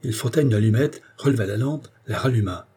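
A man narrating an audiobook in a measured, expressive storytelling manner. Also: mid-range voice, slightly rough.

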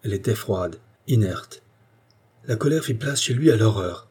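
A man narrating an audiobook in a measured, expressive storytelling manner. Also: lowish voice, breathy edge.

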